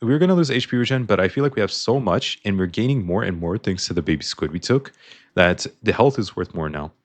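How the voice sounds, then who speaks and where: Lively in intonation and brisk, a gaming YouTuber with a fairly low voice casually comments as he plays. He talks through his choices, his voice a bit strained.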